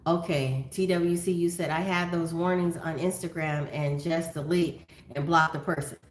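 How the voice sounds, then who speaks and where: A woman in her fifties chats easily on a phone livestream, greeting viewers one by one and drifting into stories. Her voice sits fairly low, and the room gives it a clear echo. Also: steady tone, moderate pace. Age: 50s. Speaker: livestream host. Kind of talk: casual livestream chat reading viewer comments. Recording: echoey room.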